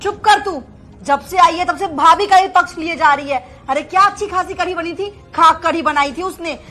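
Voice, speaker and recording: A woman in her fifties playing a stern, sharp-tongued mother-in-law who scolds her new daughter-in-law loudly, in a family drama. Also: extremely high pitch, normal speed, faint music behind. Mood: defiant. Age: 50s.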